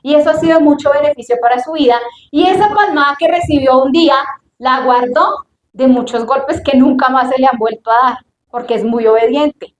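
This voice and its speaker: Middle-aged woman preacher, high voice, emphatic sermon storytelling in a reverberant church. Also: normal speed, slight background noise.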